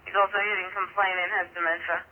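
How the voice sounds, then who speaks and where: A woman's voice: lowish voice, little pitch movement, quick pace. A woman dispatcher reading out police calls in a clipped, businesslike way over two-way radio. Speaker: emergency dispatcher. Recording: tinny phone-like police scanner audio.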